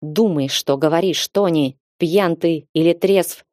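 A woman's voice: sits low, unhurried, dark tone, no echo, studio quality. A woman voicing a commanding male lord who speaks firmly and with authority in an audiobook. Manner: firm, clipped, authoritative. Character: commanding male lord, steely then gentle.

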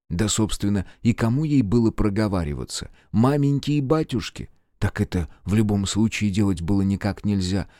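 Male narrator, measured storytelling, low pitch, dark timbre. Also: no echo, clean studio sound. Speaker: audiobook narrator. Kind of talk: scripted narration.

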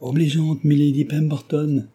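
An ardent young gentleman suitor, earnest and insistent, as a man reads him. The voice is very dark and husky, delivered as an audiobook reading. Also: mid-range voice, expressive, moderate pace. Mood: passionate, pleading.

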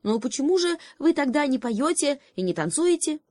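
Lady doing a sneaky cheery little frog for a storybook, high and lively, dry close sound. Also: normal speed, no echo. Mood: sly. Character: cheerful cunning little male froglet.

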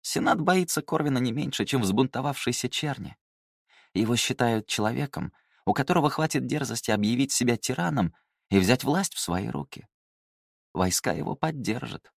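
A man's voice: medium pitch, animated, normal speed, gravelly, no room sound, clean studio sound, pitched above the performer's own voice. A man reading the lines of a weary, stern rebel leader, terse and firm.

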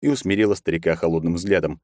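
A man narrating a first-person audiobook in expressive, lively storytelling. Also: sits low, fast, no echo, studio quality.

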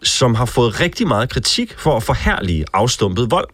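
A stammering earnest interviewer. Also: male voice, mid-range voice, very animated, a bit bright, no room sound, clean studio sound. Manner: hesitant, stammering, politely probing. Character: earnest, awkward male talk-show interviewer. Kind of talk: comedy sketch acting.

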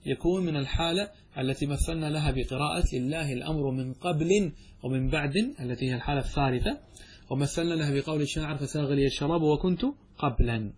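Man, grammar teacher, husky voice, slightly high pitch, poses and answers his own questions. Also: a little mellow. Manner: recites verses slowly and deliberately. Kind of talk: classical Arabic grammar lesson.

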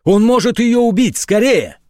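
A man voicing an excitable male journalist who grows urgent and shouts when alarmed, in an audiobook. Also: medium pitch, normal speed, no room sound, studio quality. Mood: panicked.

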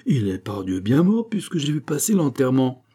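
A stubborn middle-aged farmer, as a man reading a storybook puts him on, gruff and dismissive of every claim. His voice is mellow, husky, and sits low and plain against the story's excitement. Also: normal speed. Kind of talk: audiobook character reading.

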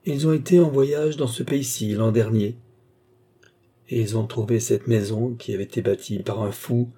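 A man reading the lines of an old female housekeeper in a storybook, giving short, dry replies in a dark, husky voice. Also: mid-range voice, lightly acted.

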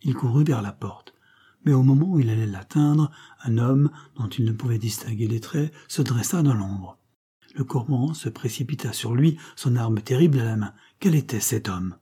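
Dark husky male audiobook narrator. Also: medium pitch, normal speed. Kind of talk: scripted narration.

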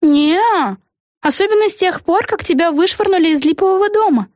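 An excitable little witch girl with a sky-high squeak of a voice. She blurts out each thought wide-eyed, in the dry, close sound of an audiobook. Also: a little fast, no echo. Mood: chattering. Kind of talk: audiobook character voice.

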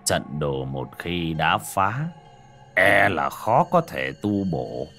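A narrator voicing a very slow, grave old Taoist master. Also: male voice, sits low, big pitch swings, sharp tone, faint music behind, voice pushed down, exaggerated voice. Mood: grave, calm. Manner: slow, measured, sighing, weighty. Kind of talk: audiobook character acting.

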